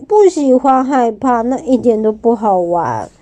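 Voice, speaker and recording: A woman voicing a timid, easily scared storybook animal child, speaking slowly and hesitantly. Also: a little high, lively intonation, dark tone.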